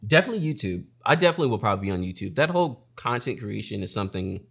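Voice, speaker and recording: Lively, laughing guest in his thirties. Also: on the low side, rapid-fire, creaky, slightly rough. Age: 30s. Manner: animated storyteller who laughs often. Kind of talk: casual interview conversation.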